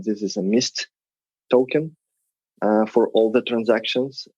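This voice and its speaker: Guy with lithuanian accent, kinda low voice, non-native english, explaining stuff in an interview, dry but slightly muffled sound. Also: darkish tone, no room sound. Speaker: podcast guest, tech project representative.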